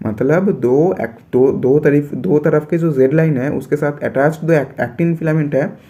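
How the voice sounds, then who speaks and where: A man's voice: fairly high pitch, a little slow, warm tone, highs cut off. A young man from India teaching biology for an entrance exam, explaining step by step and repeating his points.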